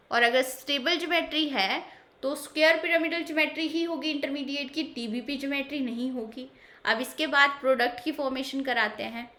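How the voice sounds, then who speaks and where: Bright-voiced woman teaching chemistry. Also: high-pitched. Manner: patient, repeats key points, asks and answers own questions. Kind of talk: explanatory online lecture.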